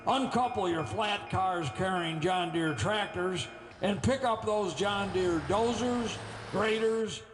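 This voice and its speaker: A high, bright call-out from a jolly railway dispatcher, barking orders over a crackly walkie-talkie. The sound is roomy and echoing, with music playing clearly underneath. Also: male voice, slow. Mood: radio dispatch. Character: cheerful male railway dispatcher in control tower. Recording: roomy echo with music behind.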